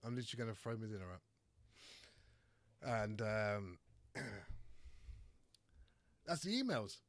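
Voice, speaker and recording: Profane ranting podcast host, dry sound. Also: male voice, on the low side, very animated, measured pace, no room sound. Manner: profane, ranting, frequent throat-clearing. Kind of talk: casual podcast chat.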